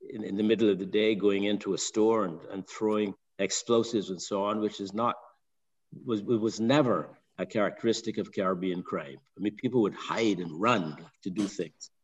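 An older man with a Barbadian accent from Barbados, calling in with a long, halting comment full of restarts and repeated words. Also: lowish voice, fairly even intonation, breathy edge, lo-fi sound. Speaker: caller. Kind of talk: call-in question. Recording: long reverb.

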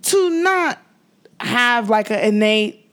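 Candid young woman, fairly high voice. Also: expressive, a bit bright. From Portugal. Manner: candid, drawn-out, frequent "you know what I'm saying". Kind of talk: casual chat.

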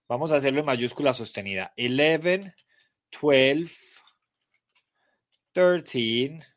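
Colombian male teacher, middle-aged, unhurried, calls out students' names and praises them. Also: medium pitch, dry recording. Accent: Colombian Spanish. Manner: spells letters aloud, praises students by name. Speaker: English teacher. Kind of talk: live online class.

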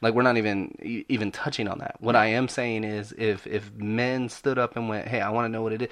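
A man's voice: lowish voice, fairly even intonation, fairly quick, a bit bright. Emphatic American man hosting a podcast. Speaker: podcast host.

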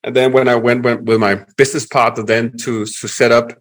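A man in his forties from Denmark with a Danish accent, a guest telling his life story in a relaxed interview, with many pauses and restarts. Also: medium pitch. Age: 40s. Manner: frequent fillers and restarts, reflective.

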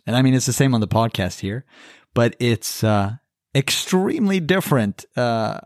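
A man hosting a podcast in casual conversation, animated and loose, swearing casually. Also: fairly low pitch, no echo, clean studio sound. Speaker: podcast host.

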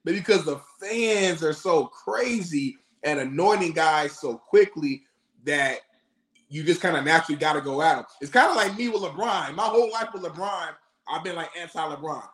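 A man's voice: a little high, moderate pace, fairly bright tone. A man co-hosting casual sports talk, making emphatic points with rhetorical questions in an echoing, roomy recording. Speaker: sports talk show co-host.

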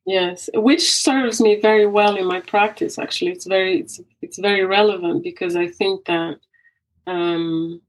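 Her voice mid-range and her tone steady, an Angolan woman who works as a psychotherapist talks at a moderate pace in an interview, thinking aloud with frequent restarts and gentle laughs. The recording is rough.

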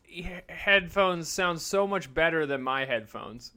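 A man's voice: a little high, animated, unhurried, bright, forceful tone, clean tone. An American man co-hosting a podcast with casual, comedic riffing. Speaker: podcast co-host.

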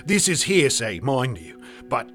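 A man's voice: medium pitch, sing-song, a little slow, a bit bright, soft background music. An actor playing a brash, cheerful Australian bushman guide with a slangy, matter-of-fact way of talking.

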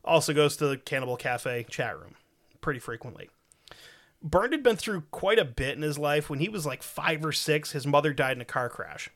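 A man's voice: on the high side, lively intonation, moderate pace, a bit bright. A man hosting a podcast, telling a true crime story in a crude, profane, joking way. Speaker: podcast host.

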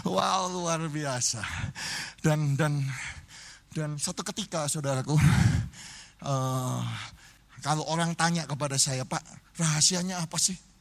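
A middle-aged man, a pastor, preaching a humorous sermon to a live church congregation, addressing them constantly and breaking into sung and shouted phrases. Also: fairly high pitch, measured pace, gravelly, long pauses.

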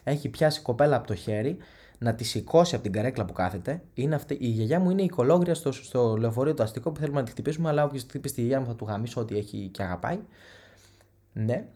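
A young man hosting a podcast, telling profane, animated comic stories and mimicking his relatives. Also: medium pitch. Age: young adult. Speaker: podcast host. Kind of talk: comedic storytelling monologue.

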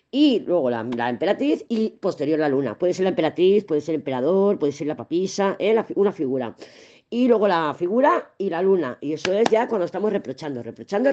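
A woman's voice: fairly low pitch, dark tone, lo-fi sound. A woman with a Spain Spanish accent giving a casual tarot reading, chatty and rambling, swearing freely as she talks. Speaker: tarot and astrology reader.

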